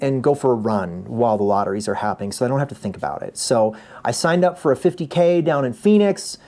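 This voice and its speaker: Casting note: man in his forties, vlogger, mellow low-bright tone, rambling storyteller. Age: 40s. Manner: chatty storytelling, frequent restarts. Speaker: vlogger, ultrarunner. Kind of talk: casual vlog update.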